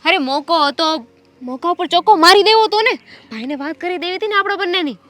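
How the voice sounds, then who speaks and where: An actress playing Damini, a teasing, quick-tongued young woman in a family film who talks a lot with mock indignation. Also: extremely high pitch, lively intonation, fairly bright tone, no room sound. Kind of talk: film dialogue.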